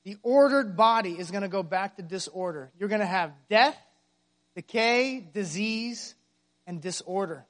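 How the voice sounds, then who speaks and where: A man with a high voice preaching from the pulpit. He speaks with emphasis and keeps asking his congregation rhetorical questions. He comes across as a middle-aged pastor in the middle of a sermon. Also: lively intonation, measured pace, fairly bright tone.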